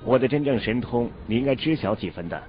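A man voicing a stern male Taoist cultivator in a storybook, with measured, grave speech. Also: mid-range voice, animated, natural voice. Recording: dull lo-fi audio, faint music.

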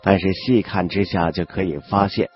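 A man narrating a fantasy web novel audiobook in a steady voice, dropping in small spoken fillers. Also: deep voice, moderate pace. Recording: dull lo-fi audio with faint background music.

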